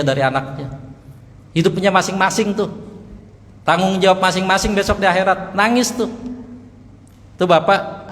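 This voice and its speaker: A male preacher giving a lively sermon in a mosque, joking with the congregation and chanting verses in melody. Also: a little high, big-room sound.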